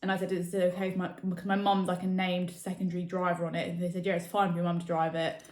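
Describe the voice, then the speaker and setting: A woman's voice: lowish voice, completely flat delivery, fast talker, a little mellow. A young adult woman chatting casually to camera as a vlogger, rambling with many fillers. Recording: echoey room.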